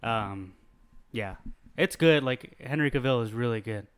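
Smooth-voiced man in casual chat. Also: mid-range voice, unhurried. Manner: laughing, rambling with fillers.

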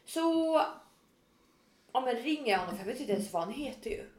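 A woman's voice: fairly high pitch, echoey room, a crowd in the background. A woman in casual chat, telling a story animatedly and acting out what people said. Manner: animated storyteller, acts out quotes.

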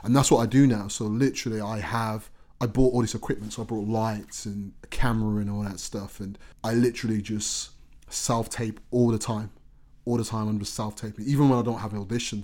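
A man's voice: lowish voice, fairly even intonation, fairly quick, a little mellow. A man, an actor and writer, speaking as a guest in a casual podcast interview, earnest and emphatic, repeating phrases for stress.

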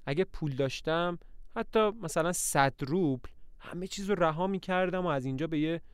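A man's voice: a little high, clear, resonant tone, dry recording, clean studio sound, pitched above the performer's own voice, close to an everyday voice. A man reading the lines of an earnest, worried young woman who runs a household and speaks with frustration.

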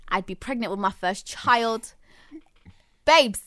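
A woman's voice: a little high, slow pace, no echo. A young woman, co-hosting a casual chat podcast and often talking over her co-host. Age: young adult. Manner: chatty, animated, talks over her co-host.

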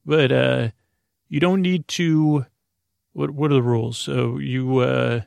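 This man hosts a bedtime podcast in a creaky, gravelly, darkish voice, recorded close and dry with fairly even intonation. He wanders through his monologue haltingly, frequently stammering, breaking off, and correcting himself, all in a droning, low-stakes way.

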